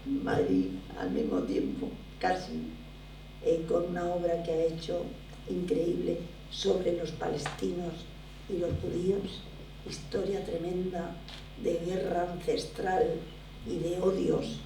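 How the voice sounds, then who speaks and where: An older theatre producer from Barcelona, Spain, talks slowly at a fairly low pitch, telling stories in an animated, emphatic style. It's a conversational interview set in a lecture room at a drama school. The room is echoey, her voice is distant, and there's a little noise.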